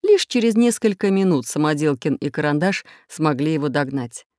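A narrator reading a children's storybook aloud in a steady, expressive way. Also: medium pitch, moderate pace, no room sound, clean studio sound. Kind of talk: audiobook narration.

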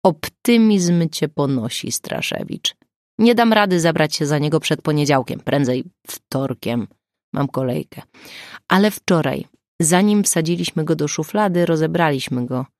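A woman voicing a grumpy, sarcastic older male forensic pathologist in an audiobook, talking in a gruff grumble. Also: low voice, lively intonation, measured pace, darkish tone, no room sound, studio quality. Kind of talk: audiobook character voice.

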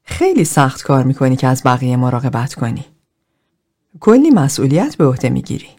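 A woman's voice: rumbling low, big pitch swings, darkish tone, breathy edge, pitched below the performer's own voice, full character voice. A woman voicing an outspoken woman in a therapy group, speaking bluntly and directly.

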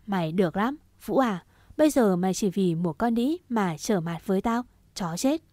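Một người phụ nữ đọc giọng một gã trai trẻ thủ đoạn, nói giọng khiêu khích, chế giễu và hay chửi thề. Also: female voice, medium pitch, expressive, moderate pace, warm tone, no room sound, lightly acted. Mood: taunting. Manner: mocking, swearing, provocative. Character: crude scheming young man, taunting and foul-mouthed.

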